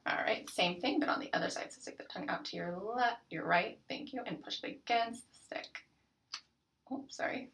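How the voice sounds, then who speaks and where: A young woman, a student clinician, giving calm, patient step-by-step instructions in a practice oral exam. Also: mid-range voice, moderate pace, vocal fry, slight background noise.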